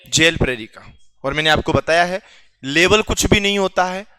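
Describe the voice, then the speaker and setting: A man's voice: fairly high pitch, normal speed, sharp tone, smooth, no echo, studio quality. A male teacher quizzing his students in a classroom, teasing and joking with them as he goes, with a Rajasthani Hindi accent.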